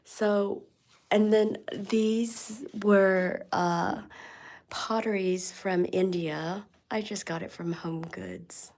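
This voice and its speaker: A woman chatting casually on a live stream while decorating her office, a bit hoarse from a cold and rambling with lots of ums. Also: medium pitch, fairly even intonation, extremely slow, darkish tone. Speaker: vlogger.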